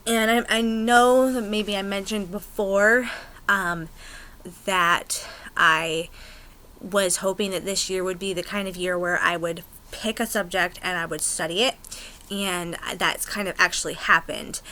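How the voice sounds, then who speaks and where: A young American woman chatting to camera in a rambling, excitable way, with many ums. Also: medium pitch, unhurried, rough recording. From United States. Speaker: pagan vlogger. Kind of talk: casual chat to camera.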